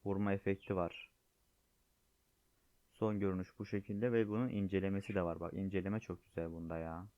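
In a deep, fairly quick voice with little pitch movement, a strained, ailing gaming YouTuber chats casually while presenting game items. He speaks to viewers like friends, and the lo-fi recording sounds dull and dry.

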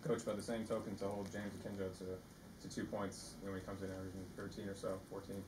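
A man's voice: low voice, monotone, quick pace. A man, a reporter, asking long, winding questions at a press conference. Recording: echoey room, far from the mic, loud noise.

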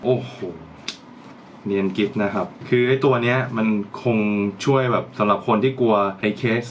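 Unboxing and testing gear for his channel, this man talks casually and thinks aloud as he handles everything. He has a fairly low pitch and speaks at a normal speed, over lo-fi audio with a little hiss or hum.

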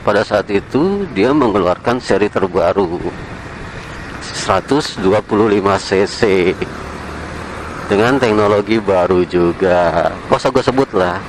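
A man chatting casually while riding a motorcycle, with relaxed slang and small chuckles, recorded on a helmet camera. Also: on the low side, a little slow, pauses often, low-quality recording. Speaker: motovlogger. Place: on a motorcycle in night city traffic. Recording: faint traffic noise outdoors.

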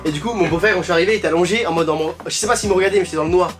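A man's voice: high-pitched, very fast, soft background music. A young man hosting his video, chatting in slangy, laughing banter with a friend. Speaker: YouTuber host. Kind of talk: casual chat with a friend.

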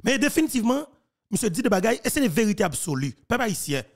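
A man's voice: high-pitched, very animated, quick pace. A man in his thirties with a Haitian accent, giving earnest commentary into a studio mic in a small room. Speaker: news commentator. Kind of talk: commentary on a played clip. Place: small plain room, indoors. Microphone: studio mic on a boom, wearing headphones.

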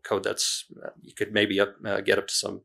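A man's voice: fairly low pitch, completely flat delivery, normal speed, gravelly, bright, forceful tone. A man with a Canadian accent giving a conference talk in a plain, direct way, with frequent ums and uhs. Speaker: conference presenter.

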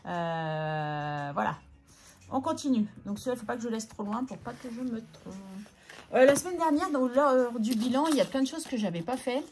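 A woman vlogging casually as she sorts her budget, chatting to herself and counting out loud. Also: a little high, lively intonation, moderate pace, a little hiss or hum. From France. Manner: talks to herself, scolds herself by name, counts aloud. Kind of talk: casual chatty talk to camera while counting money.

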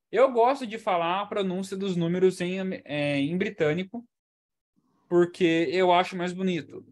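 A man teaching English in an online class, explaining in a chatty way and checking in often with the students. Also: sits high. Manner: chatty, explanatory, ends points with "tá?".

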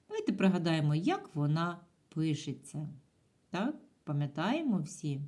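Lively-voiced woman teaching young pupils. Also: low voice. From Ukraine. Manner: patient, clear, sing-song teacher voice. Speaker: primary school teacher. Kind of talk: video lesson for young pupils.

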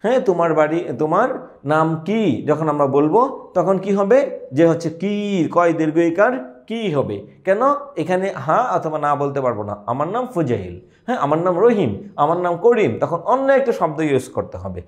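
A man's voice: a little high, very animated, moderate pace. A young man teaching a lesson, asking questions and answering them himself while repeating key words. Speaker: exam prep teacher. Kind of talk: lecture.

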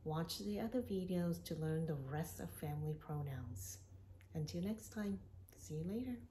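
A woman teaching a language lesson to children, speaking slowly and repeating each word for pupils to echo. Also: fairly low pitch, expressive, warm tone, a little hiss or hum.

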